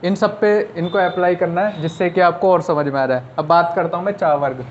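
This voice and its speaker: A man's voice: sits high, fairly even intonation, a little fast. A man teaching a shorthand lesson, patiently repeating each rule step by step. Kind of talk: classroom lesson explaining at a board. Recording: slightly dull lo-fi recording with faint noise.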